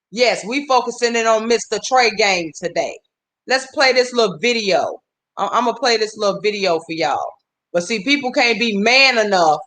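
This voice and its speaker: A man with a high voice holds an angry livestream rant, swearing freely. He keeps breaking off to greet his viewers by name before going back to his complaint. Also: sharp tone. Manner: profane, heated, stops to greet viewers. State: upset.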